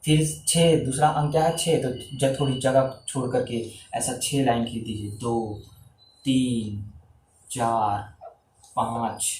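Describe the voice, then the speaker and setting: A man's voice: medium pitch, steady tone, slow, darkish tone, reverberant, a little hiss or hum, low-quality recording. A man teaching a maths lesson in Hindi, counting aloud step by step as he draws lines and encouraging the viewers.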